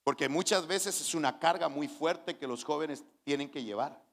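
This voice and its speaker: A man's voice: a little high, moderate pace, creaky, fairly bright tone. A man, a pastor giving an earnest personal testimony in a sermon, often restarting his phrases. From Chile. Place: church. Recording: reverberant church hall.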